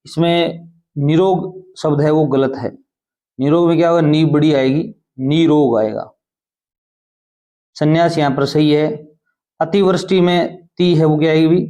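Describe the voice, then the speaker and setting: A man teaches an exam-prep class. His voice sits a little high, yet it sounds warm and relaxed. He explains each answer step by step and keeps asking short questions.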